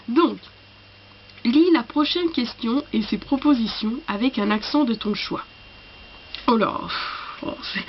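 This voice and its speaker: A woman with a cold, coughing now and then, who talks to camera about books in a halting, apologetic way. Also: mid-range voice, muffled recording, slight background noise. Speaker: book vlogger. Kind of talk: casual chat to camera.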